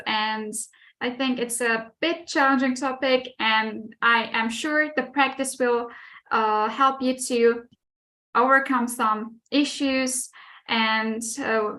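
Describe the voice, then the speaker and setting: A woman's voice: on the high side, fairly even intonation, a little slow, bright, forceful tone. A woman English teacher co-hosting a live online class over a video call, speaking hesitantly and often searching for words.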